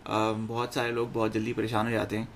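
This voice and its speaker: A middle-aged man with a Pakistani accent giving an informal online lecture as a coach, in a blunt, halting way that repeats phrases for emphasis. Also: on the low side, monotone. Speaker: business lecturer and pitching coach. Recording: clearly noisy room recording.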